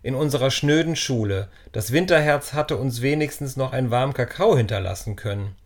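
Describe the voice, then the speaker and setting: Man reading as a teasing schoolboy, cheeky, mocking, storybook, mid pitch. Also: a little fast, lightly acted.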